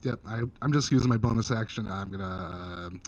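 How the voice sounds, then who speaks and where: A man's voice: fairly low pitch, a little fast, muffled recording. A man chatting casually as a player in a tabletop game. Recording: faint background noise.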